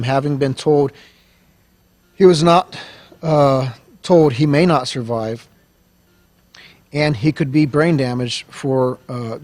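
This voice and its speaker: A man, owner of a service company and host, reading a letter aloud and talking on a radio show in an earnest, halting way with many restarts. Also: on the high side, darkish tone.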